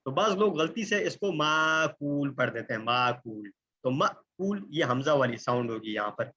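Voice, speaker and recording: A man teaching an online recitation lesson, explaining patiently, checking in often and drawing out example words slowly. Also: fairly high pitch, bright, forceful tone, muffled recording. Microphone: computer mic on a video call.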